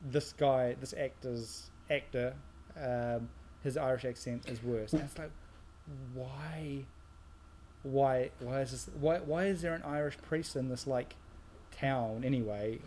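A man's voice: mid-range voice, unhurried, a little mellow, a little hiss or hum. A man co-hosts a podcast, picking apart a film in casual chat. He rambles animatedly, restarting sentences as he goes. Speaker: podcast co-host. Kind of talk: casual movie review chat.

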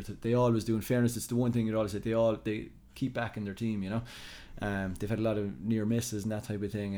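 A man's voice: fairly low pitch, warm tone. A man speaking casually as a goalkeeper guest in a sports podcast interview.

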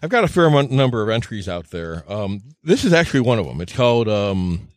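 A podcast storyteller with a lowish, sing-song voice talks briskly, recorded dry with clean studio sound. He shares casual anecdotes in a plain-spoken, self-deprecating way, frequently stammering and repeating words.

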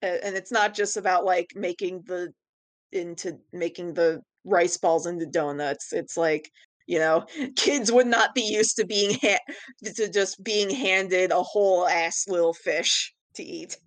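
A woman's voice: fairly low pitch, a little slow. Chatty laughing woman podcaster. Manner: chatty, laughs often, many fillers and restarts. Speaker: podcast co-host. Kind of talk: casual chat recapping an anime.

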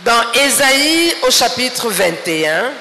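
A man preaching in French in a church, speaking slowly and emphatically, pausing for an interpreter. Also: very high-pitched, big pitch swings, slight background noise. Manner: slow, emphatic preaching, rising to shouts. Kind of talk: sermon in a church. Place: large church hall. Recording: echoey hall with faint ambience.

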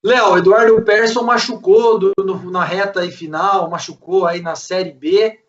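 A man's voice: high voice, steady tone, moderate pace. A man with a Brazilian accent hosting a casual football recap and discussion. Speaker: host of a football fan show. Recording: dull, distant microphone.

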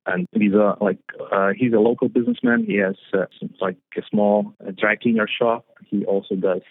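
Over a tinny phone-like connection, a young startup founder from Lithuania answers interview questions, hesitating and repeating words amid plenty of fillers. He sounds lowish, gravelly, and animated at a moderate pace, with no room sound.

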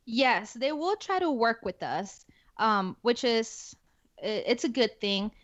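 A security forces NCO, a young woman in her young adult years with a Spanish accent, is being interviewed as a guest. She takes it slowly in a slightly high, expressive voice, chatting casually with frequent fillers and restarts. No echo is present, and the sound is dull, lo-fi and dry.

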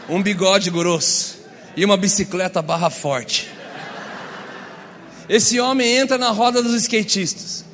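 A Brazilian man preaching a lively, humorous sermon, acting out the voices in his stories. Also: high-pitched, long reverb tail, a little hiss or hum. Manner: animated, acts out quoted voices. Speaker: pastor. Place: church hall.

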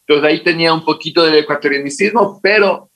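An Ecuadorian man recounts his story in a casual interview. He talks in a lively, animated way and voices the people in his tale. His voice sits a bit higher than most men's. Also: fast talker, rough recording. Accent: Ecuadorian Spanish. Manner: animated, acts out quoted dialogue. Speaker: interview guest.

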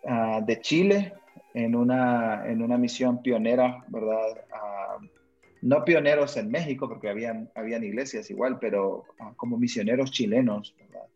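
A man in his thirties, raised in Honduras, works as a missionary and pastor and tells his life story in a relaxed, chatty way, laughing easily and dropping lots of "ah" fillers. His voice sits in the mid range with a darkish tone, and the recording's highs are cut off.

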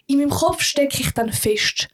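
A young woman with a Swiss German accent, co-hosting a casual chat podcast and telling stories in a lively way, acting out the voices she quotes. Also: high voice, moderate pace. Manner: animated storyteller, acts out quoted voices. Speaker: podcast co-host.

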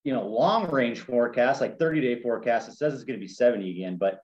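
A man's voice: mid-range voice, fast talker, a little mellow, dull audio. A man organizing a shooting match, chatting casually and easily, often laughing as he talks. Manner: easygoing, laughs while talking. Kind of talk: casual chat.

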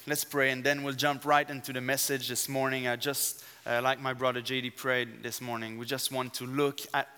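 In a church sanctuary, a guest preacher with a strong French accent, French being his native tongue, opens his sermon with fervent prayer. His medium-pitched voice is smooth, resonant, pushed and bright, full of earnest emphasis. Long reverb rings after each phrase.

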